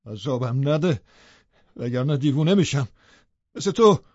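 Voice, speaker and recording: A man's voice: medium pitch, lively intonation, a little mellow, no room sound, dull audio, voice pushed up, natural voice. A man doing a furious, anguished young lover. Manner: raised, harsh, anguished outbursts.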